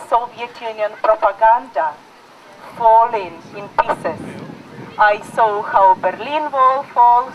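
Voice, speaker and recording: A woman in her forties from Ukraine with a Ukrainian accent, a university lecturer giving an earnest, deliberate prepared speech. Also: on the high side, dull audio, slight background noise. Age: 40s. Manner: earnest, deliberate, repeats for emphasis. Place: outdoors in a park.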